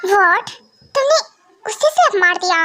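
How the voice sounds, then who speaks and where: A woman's voice: extremely high pitch, animated, unhurried, bright, forceful tone, heavily acted. Brief: woman reading a protective vampire mother, motherly and firm, fan drama. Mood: soothing. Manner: soothing then scolding. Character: caring scolding vampire mother.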